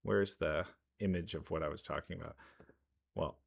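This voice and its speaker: In a creaky, husky bass voice with fairly even intonation, a man comments casually on a game trailer at normal speed. As the reaction host, he rambles enthusiastically while thinking aloud, over background music.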